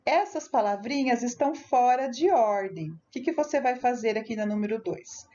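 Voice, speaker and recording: In this muffled remote-lesson recording with a touch of hiss or hum, a primary school teacher from Brazil works through worksheets with a young child. She has a Brazilian Portuguese accent and a slightly high, darkish voice, and she talks to the pupil slowly and patiently, often using tag questions.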